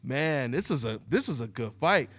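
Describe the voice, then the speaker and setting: A man's voice: mid-range voice, animated, normal speed, fairly bright tone. A man hosting a call-in boxing show, talking loosely and rambling with many "you know, man" fillers. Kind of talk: casual call-in radio talk.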